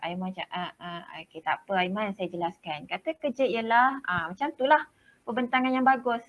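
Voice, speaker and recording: A woman's voice: mid-range voice, dull audio. A woman teacher with a Malaysian Malay accent, chatty and direct as she explains how class presentations are marked, now and then slipping English words into her talk. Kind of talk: classroom briefing on presentation marking.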